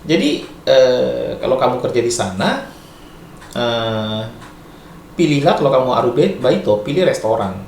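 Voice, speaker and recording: A middle-aged man from Indonesia giving casual advice as a vlogger, chatty and lively, slipping in Japanese and English words and laughing often. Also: mid-range voice, a little slow, gravelly. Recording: echoey room, faint background noise.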